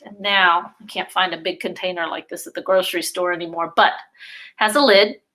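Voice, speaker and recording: A woman preschool teacher leading a virtual circle time for young children, talking slowly and drawing out words in a sing-song way. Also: fairly low pitch, steady tone, sharp tone.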